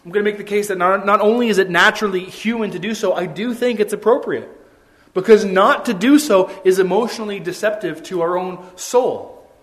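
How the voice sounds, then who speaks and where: A young man delivers a sermon in a chatty, earnest tone, often restarting phrases and tossing in asides. His voice sits on the high side for a man. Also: brisk. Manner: conversational, earnest preaching with frequent restarts and asides. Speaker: pastor.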